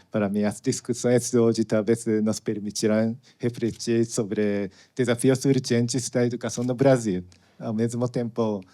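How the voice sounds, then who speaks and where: A man from Japan, a native Japanese speaker with a Japanese accent, giving a formal, halting speech from notes as a guest diplomat. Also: medium pitch, mellow. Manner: formal, halting, frequent "né" tags.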